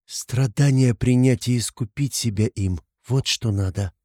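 A man's voice: medium pitch, a little slow, mellow, dry recording, clean studio sound. A man voicing a desperate, pious young woman who pleads and exclaims fervently in a storybook reading. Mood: anguished.

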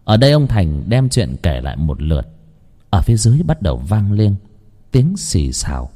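A man's voice: on the low side, big pitch swings, moderate pace, warm tone. A man narrating a ghost story in a dramatic, suspenseful way. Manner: dramatic, suspenseful, wide-ranging delivery.

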